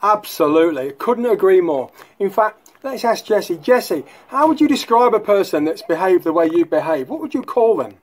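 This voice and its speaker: A man's voice: high voice, very animated, moderate pace, few pauses. A man hosting a casual vlog, talking in a mocking, sardonic way. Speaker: YouTube host.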